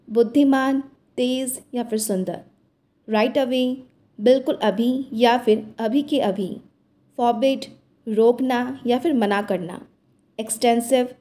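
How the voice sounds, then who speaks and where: A woman teaching vocabulary, reading each term and then its meaning in an even, measured way. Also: a little high. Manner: reads word lists, term then its meaning, evenly.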